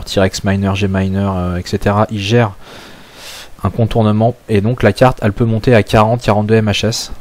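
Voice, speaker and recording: A man from France who hosts a crypto mining channel explains a topic in a casual screen-share tutorial, thinking aloud with many filler sounds. His voice is fairly low and darkish, with no room sound.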